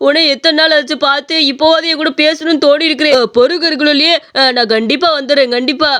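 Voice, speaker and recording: A woman's voice: high voice, steady tone, fast, a bit bright. Woman voicing a foolish lovesick bachelor. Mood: eager. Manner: pleading, whiny, easily fooled. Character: lovesick 42-year-old village bachelor, foolish. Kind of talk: cartoon voice acting.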